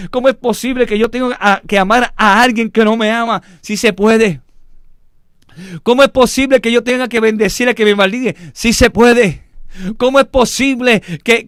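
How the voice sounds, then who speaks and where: A male pastor delivers a fervent sermon in a notably high, smooth voice. His sound is close and dry. He speaks straight to his listeners and acts out scenes from scripture. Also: fairly bright tone, dry recording. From Puerto Rico. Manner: fervent preaching, addresses listeners directly; acts out biblical voices with sudden drops and rises. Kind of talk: radio sermon.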